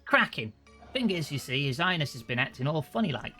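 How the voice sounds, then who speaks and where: A man's voice: fairly high pitch, sing-song, a little fast, bright, forceful tone, faint music behind. A man voicing a scheming, servile Cockney minion in a video game, like a hunchback assistant, chummy and conspiratorial. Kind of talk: reading game dialogue in character.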